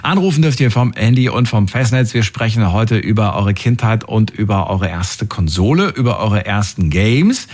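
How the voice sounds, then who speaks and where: Ein Radiomoderator Ende dreißig aus Thüringen mit eher tiefer Männerstimme. Er führt gesprächig durch eine Anrufsendung, erinnert sich gern und streut immer wieder „äh“ ein. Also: male voice, on the low side, lively intonation, moderate pace, few pauses, darkish tone. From Thuringia, Germany. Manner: chatty, reminiscing, with fillers. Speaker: radio call-in host. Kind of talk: radio call-in show.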